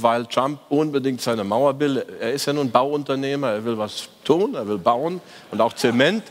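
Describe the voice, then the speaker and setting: A man giving a conference talk as a fund manager, reviewing the market year in an opinionated, ironic way with frequent hesitations. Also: medium pitch. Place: conference hall, on stage. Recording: reverberant conference hall.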